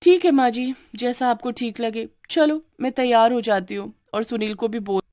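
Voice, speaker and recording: A woman's voice: fairly high pitch, normal speed, darkish tone, dry recording, clean studio sound, pitched above the performer's own voice, natural voice. A woman voicing a spoiled, arrogant young wife in a cartoon story who orders others around. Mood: haughty. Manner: haughty, demanding. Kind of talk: cartoon voice acting.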